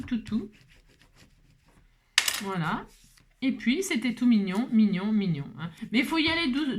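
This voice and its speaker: A woman's voice: mid-range voice, a little hiss or hum. A woman hosting a casual scrapbooking tutorial, chatting with rambling asides and lots of fillers. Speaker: craft tutorial host.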